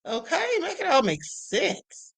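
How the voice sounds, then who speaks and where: Sassy high-voiced woman streamer. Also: huge pitch swings, vocal fry. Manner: sassy, emphatic, drawn-out asides. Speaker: live stream host. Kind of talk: casual commentary.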